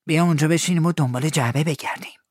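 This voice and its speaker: A man's voice: fairly high pitch, darkish tone, no echo, clean studio sound, pitched above the performer's own voice, natural voice. A man voicing a loyal, scrappy young boy who sounds awed and eager, in a storybook reading.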